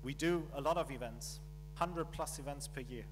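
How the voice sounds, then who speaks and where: A man giving a keynote at a conference, speaking in measured phrases with pauses and fillers. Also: medium pitch. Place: conference hall. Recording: mains hum in background.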